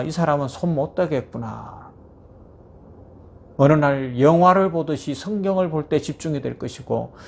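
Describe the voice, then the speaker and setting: A male pastor delivering a morning devotional sermon. His voice sits high, and he preaches in an animated way, throwing rhetorical questions at his listeners.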